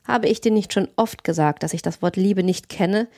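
A woman voicing a cynical, menacing male criminal in a calm, domineering audiobook reading. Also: mid-range voice, normal speed, no room sound, clean studio sound, natural voice. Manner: cold, domineering.

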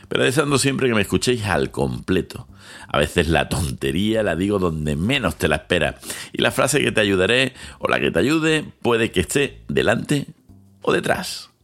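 A very low-voiced man opens his podcast with a lively, swinging delivery, slowing down for emphasis and then rattling off quick lists. He speaks close into a studio mic while soft music plays under him. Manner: dramatic pauses, swings between slow emphasis and quick lists. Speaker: podcast host, lawyer. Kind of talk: podcast introduction monologue. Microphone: studio microphone with headphones.

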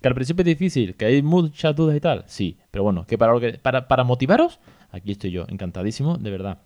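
In a hotel room, a man from Spain hosts a casual solo podcast, chatting away and swearing casually as he acts out the people he quotes. His mid-range voice is fast, sing-song, and a little mellow.

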